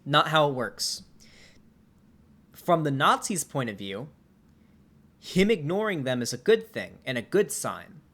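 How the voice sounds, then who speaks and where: Talking straight into a desk mic on a live stream, a man in his twenties, his voice a little high for a man, comments casually with exasperated, swearing outbursts. He's unhurried and leaves long pauses, animated and exasperated by turns, with laughs.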